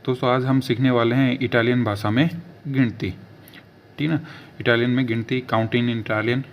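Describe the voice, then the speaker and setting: A man teaching a video language lesson, repeating each word slowly and spelling it out letter by letter, with frequent check-ins to the viewers. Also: medium pitch, steady tone, slight background noise.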